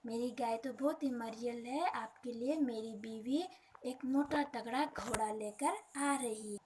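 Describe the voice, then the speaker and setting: A woman's voice: a little high, measured pace, a little mellow, a little hiss or hum, lightly acted. A woman voicing a timid village farmer who pleads nervously with a lion in a children's story. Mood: pleading. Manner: fearful, pleading.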